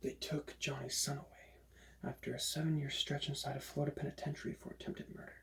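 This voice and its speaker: Gravelly whispered role-play from a hushed man. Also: a little high, little pitch movement, fast, slight background noise. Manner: hushed, breathy library whisper. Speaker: librarian recommending books in an ASMR roleplay.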